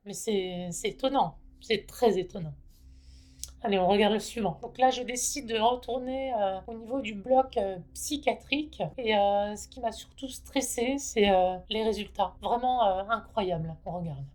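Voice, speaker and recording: A woman hosting her own channel, narrating a paranormal investigation in a hesitant way with many pauses and fillers. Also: mid-range voice, darkish tone, a little hiss or hum.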